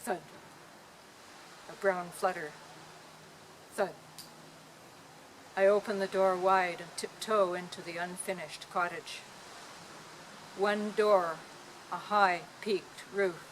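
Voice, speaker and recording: A woman poet reciting her poems to a small audience in an outdoor park, with a gentle, lilting delivery. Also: on the low side, steady tone, takes it slowly, pauses often, a little hiss or hum, poor audio.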